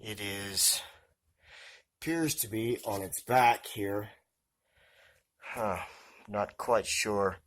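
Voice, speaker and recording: A man's voice: on the low side, steady tone, very slow, long pauses, a bit bright. Man muffled behind a face mask. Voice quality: muffled voice, mouth and nose covered by a mask. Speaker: tarantula keeper presenting an unboxing. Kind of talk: casual unboxing commentary.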